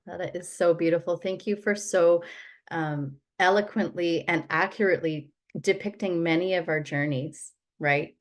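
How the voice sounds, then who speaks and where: This woman guides a group healing session, affirming each speaker in spiritual terms. Her voice sits low and moves at a slow, deliberate pace. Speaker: host leading a women's sharing circle. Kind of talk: group facilitation.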